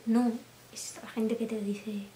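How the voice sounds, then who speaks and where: A young woman chatting casually to camera, laughing often and dropping into soft asides. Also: on the high side, level tone, slow pace. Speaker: vlogger. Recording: roomy room with faint hiss.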